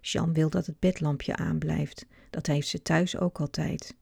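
A woman reading a children's book aloud with clear, expressive narration. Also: low-pitched, unhurried, dry recording, clean studio sound. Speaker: storyteller.

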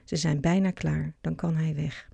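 A narrator calmly reading a children's story aloud. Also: mid-range voice, moderate pace, gravelly, husky, no echo.

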